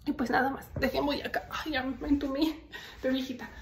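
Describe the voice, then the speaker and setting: A woman's voice: high voice, little pitch movement, brisk, slight background noise. A young Mexican woman with a Mexican accent, chatting casually to her followers and telling stories with frequent laughs. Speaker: vlogger. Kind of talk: casual chat.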